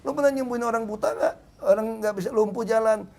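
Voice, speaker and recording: A man's voice: sits high, fast talker, vocal fry, a little mellow. A middle-aged man talking as a guest in a casual conversation, blunt and emphatic, slipping into street slang and acting out what other people said. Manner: acts out others' words in quoted voices.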